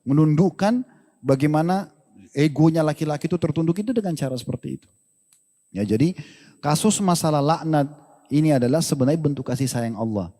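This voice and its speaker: Animated man preaching with reverb. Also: a little high, a little fast, long pauses. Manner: animated, joking, acts out quoted dialogue. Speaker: religious teacher answering questions. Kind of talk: lively Q&A sermon.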